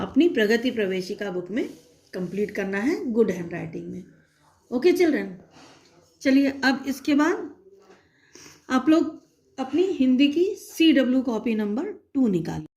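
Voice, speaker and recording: Woman teacher talking to little kids, kinda high voice, slow and patient, keeps checking they follow. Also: big pitch swings, a little mellow. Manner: patient, slow spelling-out of letters and vowel signs, frequent check-ins. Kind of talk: recorded online class for young children.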